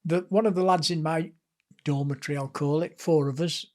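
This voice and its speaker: An older man from Blackpool, a guest telling lively stories in an interview and acting out what others said. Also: fairly high pitch, fairly quick. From Blackpool, England. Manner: lively storyteller who acts out what others said. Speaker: guest author. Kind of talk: anecdotal storytelling in an interview.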